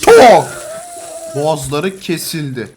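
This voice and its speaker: A young man giving casual, foul-mouthed gaming commentary to a friend, excitable and full of exclamations. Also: on the high side, slow, background noise. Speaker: gamer recording a co-op video.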